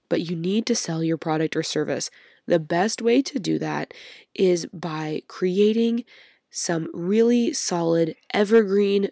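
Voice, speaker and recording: A woman hosting a solo workshop-style podcast, croaky from a cold and upbeat as she speaks straight to her listeners. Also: fairly low pitch, a little mellow, no room sound, clean studio sound. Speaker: podcast host.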